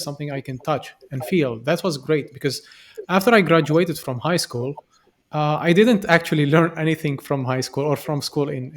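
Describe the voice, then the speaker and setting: A young man from Syria, a podcast guest, speaking earnestly and reflectively with frequent fillers and restarts. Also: on the high side. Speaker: podcast guest, software developer. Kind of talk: conversational interview.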